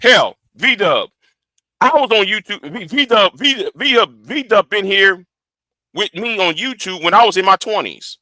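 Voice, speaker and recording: A man's voice: sits high, lively intonation, unhurried, bright, forceful tone, dry recording. A man in his forties hosting a livestream, talking heatedly to his audience, stammering and repeating words as he defends himself. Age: 40s. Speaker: livestream host.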